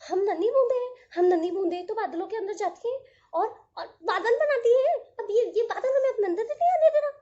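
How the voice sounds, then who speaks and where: A woman voicing a crowd of tiny childlike raindrops who plead in quick, high, eager voices, for a children's storybook tale. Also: animated, dark tone. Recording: dull lo-fi audio.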